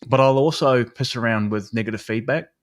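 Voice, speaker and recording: A man's voice: medium pitch, brisk, no echo. Chatty New man with a dry sound. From New Zealand. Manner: rambling, storytelling, loose and chatty with fillers. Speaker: livestream host. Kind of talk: casual chat.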